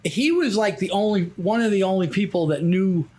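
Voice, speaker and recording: Older male podcast host, casual rambling storyteller with a slightly high voice over light hiss. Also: lively intonation, normal speed, a little mellow. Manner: rambling, drops his voice low to act out quotes.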